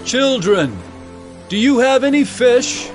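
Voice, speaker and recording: Jesus, expressive and tenderly commanding, over music. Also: male voice, very high voice, takes it slowly, full character voice. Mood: calling out, inviting. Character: Jesus, a calm, tender, commanding adult male teacher. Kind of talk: dramatized scripture acting.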